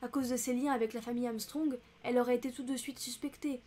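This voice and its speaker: A woman's voice: on the high side, steady tone, fast, mellow, close to an everyday voice. A woman voicing a proud, protective count who pleads earnestly and indignantly in an audiobook reading.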